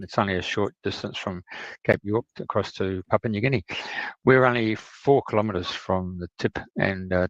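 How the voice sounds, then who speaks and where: A man, a co-host giving a halting, filler-filled casual introduction. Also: on the low side, no echo. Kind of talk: casual chat. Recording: dull dry lo-fi call audio.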